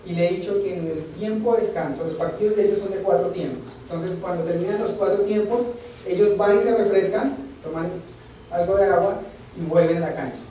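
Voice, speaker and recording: A man preaching a sermon, telling stories and dropping to soft near-whispers at times, then rising loud and emphatic. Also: high-pitched, brisk. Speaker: pastor. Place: church sanctuary. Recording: echoey hall from far off, noisy.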